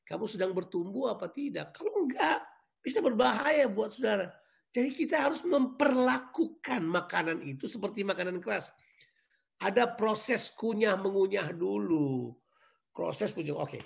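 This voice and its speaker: A male pastor preaching a sermon in a lively, joking way, repeating key words back to the congregation. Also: high-pitched, normal speed, creaky.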